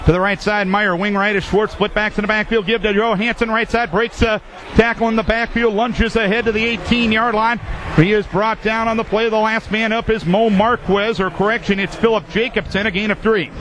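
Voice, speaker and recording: A man's voice: high voice, fairly even intonation, fairly quick, a bit bright. An American man giving live football play-by-play in clipped, telegraphic phrases. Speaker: play-by-play sports announcer. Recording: clear noise behind voice.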